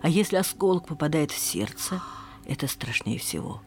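A woman voicing a kindly old grandmother in a radio play, telling tales calmly and measured. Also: low-pitched, soft background music. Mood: storytelling. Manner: calm, measured storytelling.

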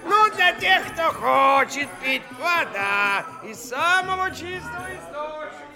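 A man's voice: extremely high pitch, sing-song, unhurried, vocal fry, heavily acted. An actor playing a pushy, wheedling male water seller at a market. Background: music.

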